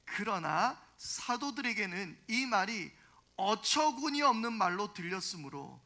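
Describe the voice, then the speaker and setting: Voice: mid-range voice, sing-song, measured pace, sharp tone. A pastor giving a Sunday sermon, emphatic and asking the congregation rhetorical questions.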